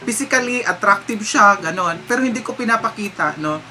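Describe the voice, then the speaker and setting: A man's voice: high voice, lively intonation, brisk, pushed and bright, slight background noise. A man with a Visayan accent chatting casually through a vlog Q&A, giggly and slipping English phrases into his talk. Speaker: vlogger. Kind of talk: casual Q&A chat. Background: background music.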